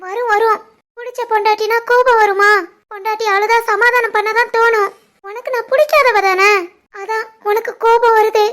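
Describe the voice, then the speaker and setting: A woman voicing a proud, hurt young village wife in an animated family story, with a Tirunelveli Tamil accent, talking in a reproachful, tearful way. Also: very high voice, normal speed. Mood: accusing. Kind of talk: animated family drama voice acting.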